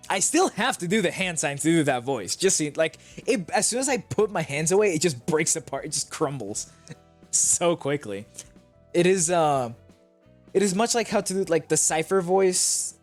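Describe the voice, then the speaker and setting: A man's voice: on the high side, animated, normal speed, faint music behind. A man streaming a video game, chatting casually and swearing while he reads and voices the dialogue. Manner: swears casually, laughs, reads lines aloud in character.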